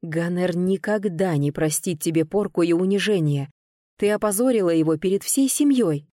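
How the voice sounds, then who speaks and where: A woman voicing a cold, calculating young nobleman who speaks calmly and without hurry. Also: fairly low pitch, no echo, studio quality, natural voice. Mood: cool. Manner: calm, measured and unhurried. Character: cold, calm, calculating young male lord.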